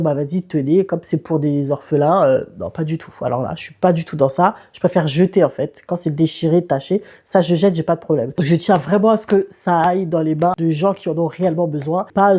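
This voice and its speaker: Woman, casual vlog chat, dark lowish voice, swollen-tonsil sick sound, slangy, self-deprecating grumbling. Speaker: vlogger. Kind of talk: casual chatty vlog monologue.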